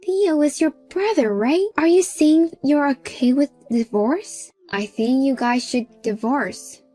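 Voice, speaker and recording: A woman's voice: high voice, slow, mellow, faint music behind. A woman voicing an entitled, pushy young sister-in-law who talks smugly and demandingly. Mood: pleading. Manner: smug, demanding, then pleading. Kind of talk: storybook character voice.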